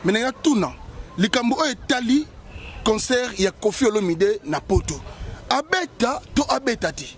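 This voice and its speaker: A man's voice: extremely high pitch, animated, moderate pace, a little hiss or hum. A man with a Congolese French accent interviewing a guest, mostly offering short agreeing replies. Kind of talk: casual interview.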